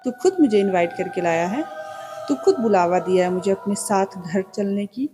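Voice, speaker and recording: A woman's voice: medium pitch, normal speed, lightly acted. A woman voicing a possessed young wife whose spirit taunts and threatens the family and a priest. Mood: menacing taunt. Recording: music playing behind the voice.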